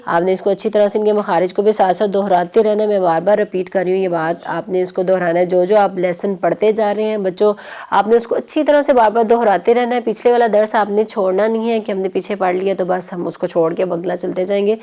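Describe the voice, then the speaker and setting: A woman's voice: mid-range voice, steady tone, mellow. A woman, patiently teaching children on a TV lesson and repeating key points. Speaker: Quran teacher.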